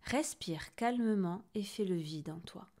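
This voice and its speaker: A serene little yoga teacher friend from a storybook, as a woman reads him, slow and soothing. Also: medium pitch, animated, a little mellow. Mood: calm.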